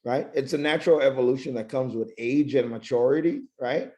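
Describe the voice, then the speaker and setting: A man's voice: medium pitch, a little fast, a little mellow. A man with an ordinary mid-range voice who co-hosts a casual podcast. He teases his longtime friend, laughs often and repeats his points for emphasis. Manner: teasing, laughing, repeats himself. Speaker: podcast co-host. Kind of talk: casual chat.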